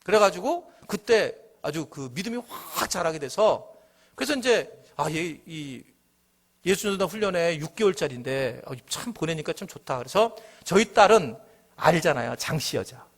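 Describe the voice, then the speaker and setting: A man's voice: a little high, animated, moderate pace. A middle-aged man preaching a midweek sermon as pastor, acting out his listeners' worries in their own voices.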